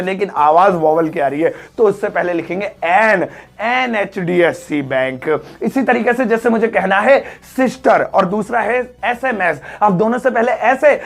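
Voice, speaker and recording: A man teaching an English grammar lesson, joking and teasing his students and drawing words out slowly. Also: high voice, gravelly. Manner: joking, playful teasing of students, drawn-out slow-motion sounds.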